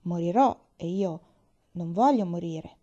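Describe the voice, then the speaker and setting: A woman voicing a kind, trusting male toad from a fable, who speaks slowly and politely. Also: lowish voice, mellow, highs cut off. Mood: cautious.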